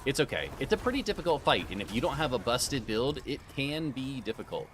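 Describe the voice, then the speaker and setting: A livestream gamer chats casually with viewers while playing, greeting them by name and calling them sir. His mid-range voice is a bit bright, brisk and very animated, with clear background noise in the recording.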